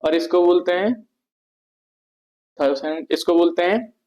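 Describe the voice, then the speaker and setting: A man gives a board lecture on chemistry, his voice sitting a little high. He repeats every term and poses questions that he answers himself. He sounds like a teacher talking his students through a slide. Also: slow, highs cut off.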